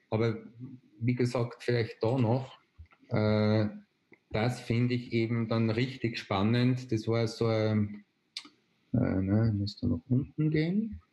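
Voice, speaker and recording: A man, explaining a software tool step by step on a video call, with frequent hesitation fillers. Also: mid-range voice. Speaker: presenter. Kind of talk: online webinar demonstration. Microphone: video call webcam.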